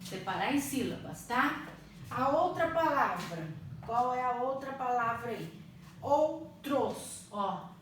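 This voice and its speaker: Woman, primary school teacher, slow careful lesson, checks in often, distant mic, faint hiss. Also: on the high side, lively intonation. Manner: patient, checks in with "tá?" and "ó". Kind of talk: slow, clearly spelled-out online lesson. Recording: echoey room, mic at a distance, faint noise.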